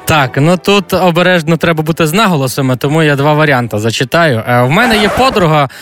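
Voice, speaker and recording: A man's voice: a little high, lively intonation, fast talker, over music. A young adult man hosting a radio morning show, chatting casually and joking with his co-hosts. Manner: joking, playful.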